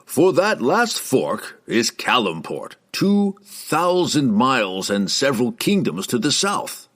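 A man reading aloud, voicing an old male wizard who speaks slowly and ominously. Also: medium pitch, sing-song, a bit bright, pitched above the performer's own voice, heavily acted. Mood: grave. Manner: slow, measured, ominous delivery.

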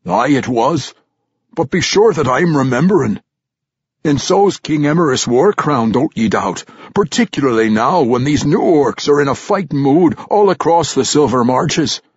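A man voicing a gruff old male dwarf veteran with a put-on Scottish-style brogue, blunt and scolding. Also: on the high side, animated, moderate pace, dry recording, highs cut off, pitched above the performer's own voice. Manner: scolding, plain-spoken.

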